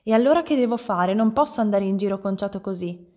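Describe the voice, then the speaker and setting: Una donna che legge ad alta voce e fa un padre vanitoso di mezza età che urla in preda al panico. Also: female voice, mid-range voice, animated, fast, close to an everyday voice. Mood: agitated. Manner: shouting, flustered. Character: loud panicking vain middle-aged father.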